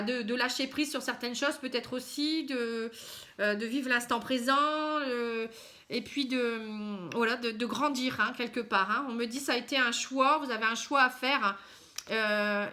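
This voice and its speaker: A woman giving a casual tarot reading to camera, halting, with many fillers and a frequent "hein". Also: a little high, pushed and bright. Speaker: tarot card reader.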